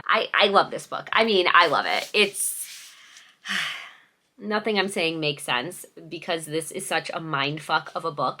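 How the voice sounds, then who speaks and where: Young woman, casual vlog chat, bright tone, slightly low pitch, chatty, enthusiastic, a little breathless. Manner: chatty, filler-heavy, enthusiastic. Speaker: book vlogger.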